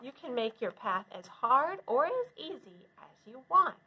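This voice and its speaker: A woman presenting as a children's librarian teaches young viewers in simple, clearly phased steps, her high-pitched voice very animated at normal speed. The recording has its highs cut off and slight background noise.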